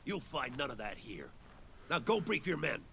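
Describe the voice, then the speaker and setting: A stern colonel barks clipped orders in a bright, forceful voice. His tone stays commanding throughout. A faint battlefield ambience hums behind him. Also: medium pitch, sing-song, normal speed, vocal fry, slight background noise. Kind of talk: game cutscene dialogue.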